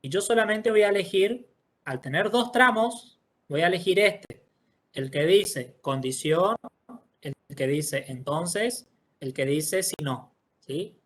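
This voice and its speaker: Patient teacher, step by step. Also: male voice, high voice, lively intonation, slow pace, fairly bright tone. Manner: patient, explains step by step, checks in often with "¿sí?". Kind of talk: online class walkthrough.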